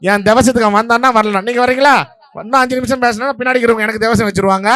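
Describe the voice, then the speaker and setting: High-voiced man giving a rapid stage verdict. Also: fairly even intonation, sharp tone. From Vellore district, Tamil Nadu, India. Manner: rapid, story-driven, playful. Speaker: debate judge giving the verdict. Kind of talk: humorous stage speech to a live audience.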